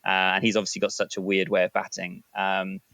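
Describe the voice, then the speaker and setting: A middle-aged man chats as a podcast guest, rambling and hesitant with plenty of fillers. His voice is fairly low yet bright and forceful. The close mic sounds dry. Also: completely flat delivery, a little fast, vocal fry, dry recording. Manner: rambling, hesitant, self-deprecating. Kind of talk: casual chat.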